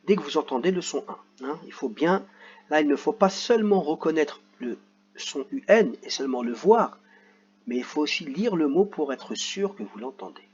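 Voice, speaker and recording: A man's voice: on the high side, lively intonation, moderate pace, a little mellow, highs cut off, slight background noise. A man teacher explaining reading worksheets to children, with playful joking asides.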